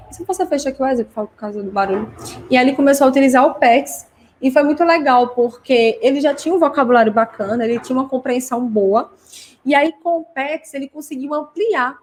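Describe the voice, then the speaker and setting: Speaking a bit on the high side, this host and parent educator leads a live class for parents in a Brazilian Portuguese accent. Her style is conversational, rich in examples, and full of tag questions.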